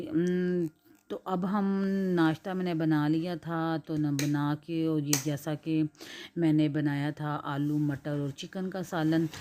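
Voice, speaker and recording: A woman in her forties with a Punjabi accent chats through her day in a low, mellow voice. She is hoarse from a flu and clears her throat now and then. She rambles easily from one thing to the next. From Pakistan. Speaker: cooking vlogger. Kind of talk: casual chatty vlog narration.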